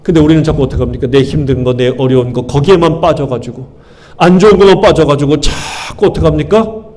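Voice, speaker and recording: A male pastor delivering a sermon in a fairly high voice for a man. He keeps asking the congregation questions and answering them himself, and he repeats key words for emphasis. His delivery rises and falls between pointed appeals and quieter, settled statements. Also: fast talker. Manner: call-and-response questions to the congregation, emphatic repetition.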